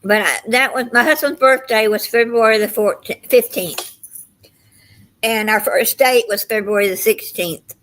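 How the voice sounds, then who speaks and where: A woman's voice: a little high, moderate pace, fairly bright tone, poor audio. An older woman with a Southern US accent, chatting casually to livestream viewers in a folksy, meandering storytelling way. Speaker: livestream host.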